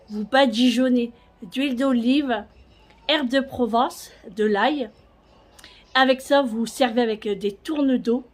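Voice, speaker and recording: A woman chatting casually at home in her kitchen, rambling with lots of fillers and restarts. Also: a little high. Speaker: vlogger. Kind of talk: casual home vlog chat.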